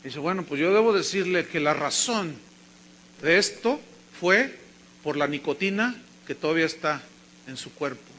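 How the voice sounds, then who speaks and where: A man's voice: fairly high pitch, expressive, moderate pace, fairly bright tone. A man, a pastor preaching a sermon and telling a story while acting out the people in it. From Mexico.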